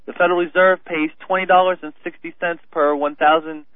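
A male caller speaks over a thin, phone-like line into a call-in show. His voice sits a little high and sounds close and dry. He talks haltingly, then reads a transcript aloud. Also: flat delivery, dry recording. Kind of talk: call-in radio talk.

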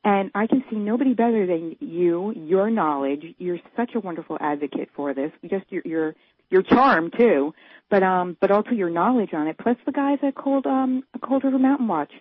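A woman's voice: medium pitch, expressive, moderate pace, no echo. A woman calling in to a radio show over the phone, earnest and urging, restarting her sentences as she makes her case. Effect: heard over a phone line on a radio show. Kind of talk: casual call-in chat. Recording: tinny dry phone line.

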